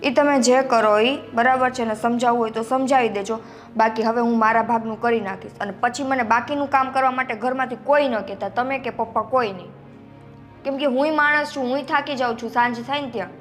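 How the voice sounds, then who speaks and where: A woman's voice: a little high, steady tone, brisk, soft background music, close to an everyday voice. A young woman playing a fed-up, overworked younger daughter-in-law who complains sharply. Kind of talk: family drama acting.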